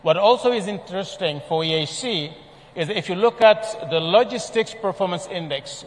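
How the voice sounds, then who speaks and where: A man from Senegal presents a report in a large conference hall, his voice sitting a little high for a man. He talks in a measured, formal way, pausing on fillers and restarting phrases. A long reverb trails after his words.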